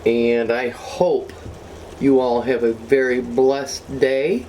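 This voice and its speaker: Woman, home cook, kitchen, losing her voice, unhurried, chatty, talks to viewers. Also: extremely low pitch, steady tone, mellow, slight background noise, low-quality recording. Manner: chatty, homey, addresses viewers directly. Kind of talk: casual cooking demonstration. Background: sizzling pan and kitchen sounds.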